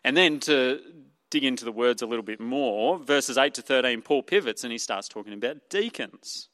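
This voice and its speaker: Man, sermon, explanatory, thinking aloud, middle pitch, long hall reverb. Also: expressive, moderate pace, fairly bright tone. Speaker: preacher.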